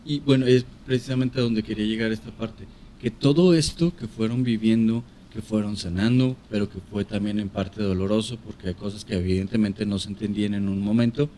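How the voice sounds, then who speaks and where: A man's voice: lowish voice, a little fast, warm tone, a little hiss or hum. A man hosting a podcast interview, affirming his guests with frequent agreement. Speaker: podcast host.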